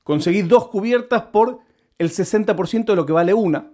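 A man's voice: sits high, brisk, mellow. A man with an Argentine Spanish accent, telling a story in a casual monologue and repeating words for comic effect.

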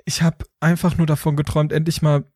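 A man's voice: fairly high pitch, fast, dry recording. A man with a slightly raised voice tells a story on a casual podcast, jumping into acted-out voices for phone agents and a clunky automated menu. The sound is dry and close to the mic. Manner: animated storyteller, acts out robotic phone menu and rude agents. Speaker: podcast host telling a story.

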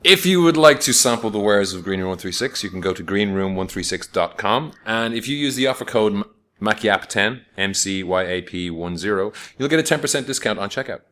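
A man's voice: fairly low pitch, expressive, brisk, bright, forceful tone. A man co-hosting a film podcast, reviewing in casual chat with dry, sweary humour.

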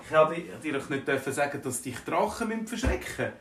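A man's voice: on the high side, big pitch swings, fairly quick, fairly bright tone, slight background noise, pitched above the performer's own voice. A man playing a sly amused wizard. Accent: Swiss German. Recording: roomy, distant from mic.

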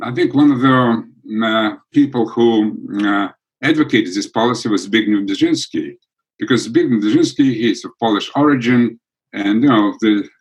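Halting older man from Ukraine. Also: lowish voice, rough recording. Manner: halting, many fillers and restarts. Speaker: guest. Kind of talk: interview answer.

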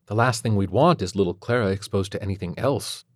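A man's voice: on the low side, fairly quick, no echo, studio quality, natural voice. A man voicing a prim, passive-aggressive female kindergarten teacher with a sugary, condescending manner. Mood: sugary preachy. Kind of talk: audiobook character voice.

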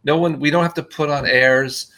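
A man's voice: a little high, fairly even intonation, normal speed, sharp tone. A man being interviewed on a podcast, talking in a rambling, self-deprecating way with frequent restarts. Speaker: guest filmmaker. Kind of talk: casual podcast conversation.

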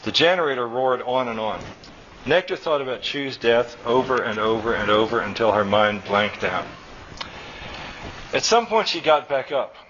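A man reading his own story aloud at a college event, in steady, plain narration. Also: medium pitch, normal speed, slight background noise. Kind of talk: live fiction reading. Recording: dull lo-fi live recording.

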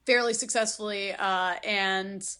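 With a clear, resonant, medium-pitched voice and an unhurried pace, a podcast co-host gives a casual recap of a horror film. Her animated retelling rambles and is heavy with fillers.

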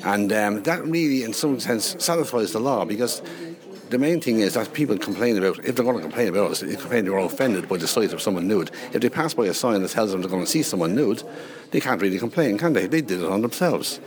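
A man's voice: on the low side, lively intonation, fast talker. A man talks informally as an event organiser, repeating words and adding tag questions. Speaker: congress organiser. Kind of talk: informal interview talk. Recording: loud crowd chatter behind.

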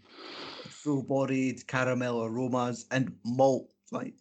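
A man's voice: medium pitch, level tone, slow, a little mellow. A man co-hosting a casual beer podcast, bantering in a joking, blunt way. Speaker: podcast co-host. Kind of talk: casual chat.

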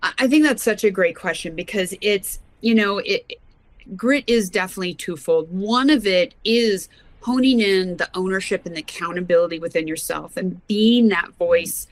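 A woman's voice: medium pitch, moderate pace, poor audio. Earnest woman guest who laughs often. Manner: earnest, laughs often, leans on words for emphasis. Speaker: mountaineer guest. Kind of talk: casual interview talk.

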